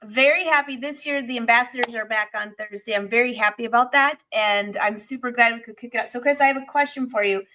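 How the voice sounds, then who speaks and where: A woman co-hosting a live-stream sewing demo, encouraging and quick to laugh. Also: a little high, bright, forceful tone, a little hiss or hum, poor audio. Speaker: sewing ambassador, co-host.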